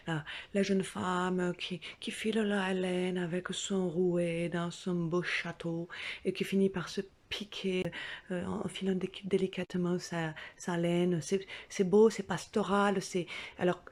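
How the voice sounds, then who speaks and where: A woman doing a sit-down comedy monologue from her bed, telling an animated story with sudden cries, whispers and a playful put-on southern French accent. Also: lowish voice. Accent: put-on mixed southern French. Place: in bed, indoors.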